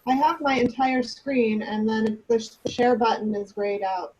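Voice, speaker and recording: A woman's voice: fairly high pitch, a little slow, a little mellow. Muffled woman, as if through a wall. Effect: muffled, as if heard through a wall. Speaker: staff presenter joining remotely. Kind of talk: public agency board meeting report. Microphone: video call played into the room. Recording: dull, muffled video call audio.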